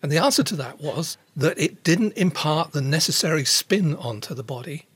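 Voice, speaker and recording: A man giving measured expert explanations as an interviewed scientist. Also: fairly high pitch, animated, fairly bright tone, breathy edge, no room sound.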